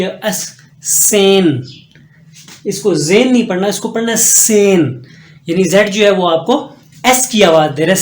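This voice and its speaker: Male language teacher, patient repetition drills, echoey room with faint background hum. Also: sits high. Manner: slow, repetitive drilling of pronunciations with many pauses. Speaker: online German language teacher. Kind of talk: step-by-step spoken lesson.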